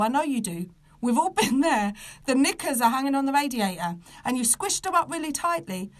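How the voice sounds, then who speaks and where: A British woman of about thirty with soft R sounds, ranting casually and comically to a live online audience in an exasperated, emphatic, sweary manner. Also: on the high side. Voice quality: soft, non-rolled R sounds. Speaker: podcast host.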